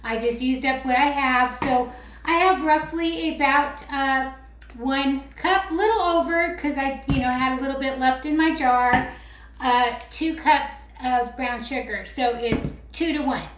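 A woman's voice: sits high, measured pace, a bit bright, slight background noise. A woman vlogger chatting casually while making a craft, rambling and teasing herself as she goes. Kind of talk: casual how-to chat. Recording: roomy echo with faint clicks.

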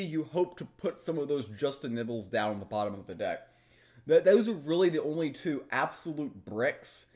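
The voice is a young man's, mid-range with a darkish tone. He's a card game streamer in a small room at home, giving analytical live commentary and thinking through each move as he plays.

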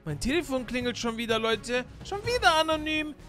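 A young man narrating a game role-play to his viewers with excitable, surprised exclamations. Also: very high voice, a little fast, soft background music. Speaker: YouTuber playing through a Minecraft role-play.

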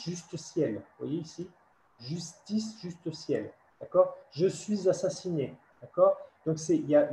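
A man with a fairly high but mellow voice explains classroom exercises to fellow teachers in a patient, step-by-step manner, often pausing to check that he is understood. The sound is roomy and a little dull, with faint noise underneath. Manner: explanatory, many "d'accord?" checks. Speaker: French teacher trainer. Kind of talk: online workshop lecture. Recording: echoey dull webinar audio.

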